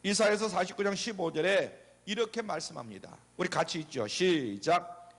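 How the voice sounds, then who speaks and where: A man's voice: high voice, lively intonation, brisk, a bit bright, husky. A middle-aged man preaching a sermon as pastor, asking the congregation questions and answering them himself. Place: church sanctuary. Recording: long church reverb.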